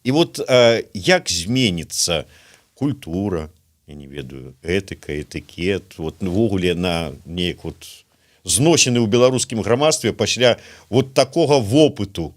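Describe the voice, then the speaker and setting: A man's voice: sits low, animated, measured pace. A man asking interview questions hesitantly, with many filler sounds between his words.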